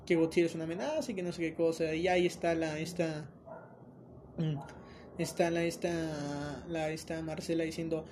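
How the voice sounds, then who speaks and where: A man's voice: on the high side, normal speed, slight background noise. A man with a Mexican accent hosting a casual film recap, joking and telling it with lots of fillers. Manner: joking, animated storytelling with many fillers.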